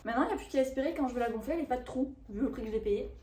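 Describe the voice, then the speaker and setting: A woman's voice: high voice, racing, darkish tone, recorded from a distance. A woman vlogger chatting casually and enthusiastically while unboxing a shopping haul, thinking aloud. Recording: echoey room, voice off-mic.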